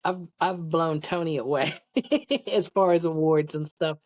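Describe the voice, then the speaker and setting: This middle-aged woman has a deep, slightly mellow voice and talks a little slowly. As a podcast guest and public speaker being interviewed, she recounts personal anecdotes in a rambling, candid, casual style.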